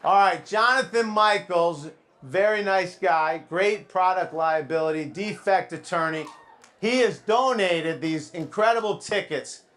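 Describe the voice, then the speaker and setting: A man's voice: high voice, unhurried, a bit bright. A man working as a live auctioneer, calling out bids to a room and teasing the bidders like a showman.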